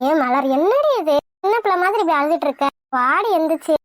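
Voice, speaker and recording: A woman's voice: extremely high pitch, lively intonation, fairly quick, over loud music, pitched below the performer's own voice. A woman voicing a caring young friend in a cartoon, coaxing and soothing.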